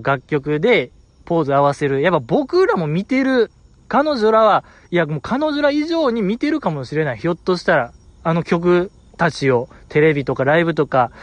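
Animated young man in Kansai dialect. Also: dry recording. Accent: Kansai Japanese. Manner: animated, laughing, acting out quotes in a high voice. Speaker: podcast host. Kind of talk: solo casual chat about a variety show.

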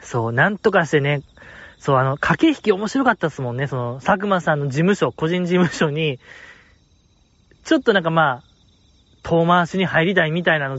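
A man's voice: fairly high pitch, no room sound. A man with a Kansai accent hosting a podcast, chatting casually and playfully about listener mail. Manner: lively, playful commentary with frequent laughs. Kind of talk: casual chat. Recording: dull lo-fi, dry.

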